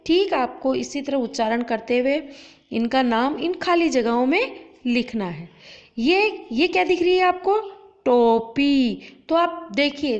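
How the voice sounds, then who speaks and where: High-voiced woman teaching children. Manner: slow, drawn-out pronunciation of example words; asks children questions and answers them herself. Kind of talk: online lesson for children. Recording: dull lo-fi audio.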